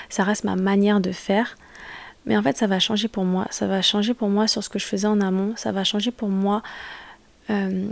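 A podcast host in her late twenties delivers a loose solo monologue into the mic, speaking spontaneously with frequent hesitations and restarted sentences. Her voice is ordinary middle pitch with a darkish tone.

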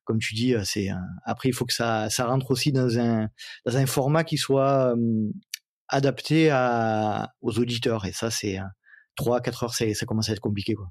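A man's voice: mid-range voice, fairly even intonation, normal speed, no room sound. Hesitant man, dry podcast sound. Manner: hesitant, many fillers and restarts. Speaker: trail running podcast host. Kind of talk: casual podcast conversation.

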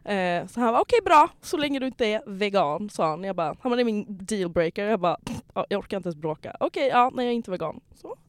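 A young woman in casual chat as a podcast co-host, telling dating stories and acting out messages with lively energy. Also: mid-range voice, few pauses, clean tone, dry recording.

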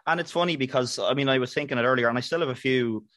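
Fast-talking middle-aged Irish man. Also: mid-range voice, a bit bright, no echo, studio quality. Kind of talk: casual conversational discussion.

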